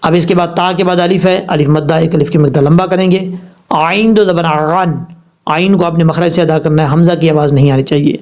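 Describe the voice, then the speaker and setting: A man with a Pakistani Urdu accent teaching Quran recitation, explaining rules step by step and reciting example words slowly and drawn out. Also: on the high side, fairly even intonation, darkish tone. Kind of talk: tajweed lesson. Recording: dull lo-fi sound.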